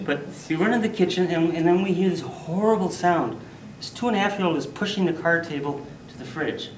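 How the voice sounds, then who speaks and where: Male contest speaker telling a funny story, lively delivery, recorded far off in a roomy hall. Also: a little high, brisk, a little hiss or hum. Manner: animated, loud bursts for sound effects. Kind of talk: humorous storytelling speech. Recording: echoey hall, mic from far off.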